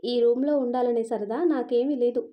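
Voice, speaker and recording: A woman's voice: on the high side, fairly even intonation, moderate pace, close to an everyday voice. A woman voicing a cheeky, quarrelsome young bride in a storybook reading. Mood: sassy. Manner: sassy, retorting. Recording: dull lo-fi recording.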